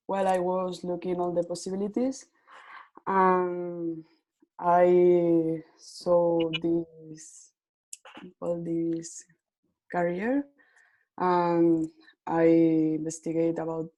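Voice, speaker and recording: A woman's voice: on the low side, darkish tone, poor audio. A young woman from Venezuela, a university student, introducing herself hesitantly on a video call. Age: young adult. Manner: hesitant, giggly, searching for words. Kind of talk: casual self-introduction.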